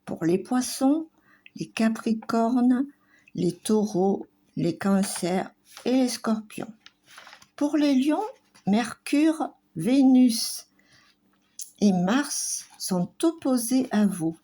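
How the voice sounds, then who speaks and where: A woman giving a weekly astrology forecast, speaking in a slow, halting way with pauses and fillers. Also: a little high, expressive, warm tone.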